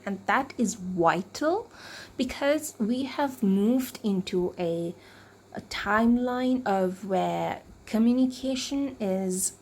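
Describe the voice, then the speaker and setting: Slow, reflective woman vlogger with cracking voice. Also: mid-range voice, slight background noise. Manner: reflective, searching for words, many restarts. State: voice cracking, clearing throat. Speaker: mental health vlogger. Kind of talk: unscripted talk to camera.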